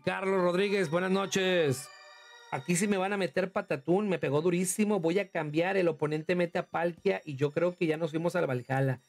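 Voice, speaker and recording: A man with a Mexican accent chatting casually on a livestream, talking through his game moves and thanking viewers by name. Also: on the high side. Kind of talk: casual livestream gaming commentary.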